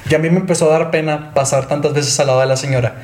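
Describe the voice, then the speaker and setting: A young man rattles through a childhood story at high speed, his voice a touch above the usual male pitch. He rambles and laughs at himself, and the room gives a noticeable echo. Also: fairly even intonation, very fast, darkish tone. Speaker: podcast co-host. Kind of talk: casual storytelling among friends.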